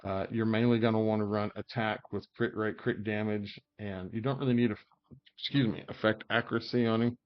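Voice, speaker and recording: Low-voiced man explaining game builds. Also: steady tone, brisk, lo-fi sound. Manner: rambling, thinking aloud with many fillers. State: hiccups. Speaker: game guide creator. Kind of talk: casual gameplay commentary.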